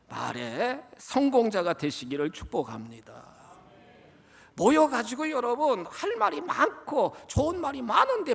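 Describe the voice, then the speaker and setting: A man preaching a Sunday sermon as pastor, emphatic and calling out to his congregation, swinging between loud exclamations and hushed asides. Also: extremely high pitch, gravelly, breathy edge. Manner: repeatedly addresses the congregation, asking them to repeat words. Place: church sanctuary.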